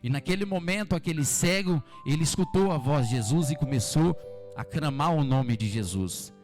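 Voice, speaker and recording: Brief: Brazilian male pastor, high voice, fervent repetitive exhortation, faint music underneath. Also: animated, moderate pace, darkish tone. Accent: Brazilian Portuguese. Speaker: preacher. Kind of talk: evening church sermon. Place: church service.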